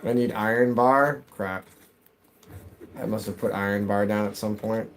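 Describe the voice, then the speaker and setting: A man's voice: on the low side, steady tone, a little slow, a little hiss or hum. A man in his thirties chatting casually while gaming on a live stream, answering chat and muttering to himself as he plays, from his home basement.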